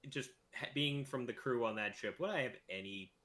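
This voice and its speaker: A man's voice: mid-range voice, moderate pace, a crowd in the background. A man playing a tabletop game, asking casual out-of-character questions.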